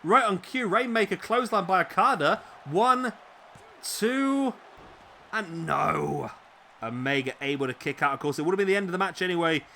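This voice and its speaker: This man's slightly raspy voice sits high as he calls play-by-play on a wrestling video game at a normal speed. He gets excitable at big moves and drifts into chatty asides, with slight background noise behind him.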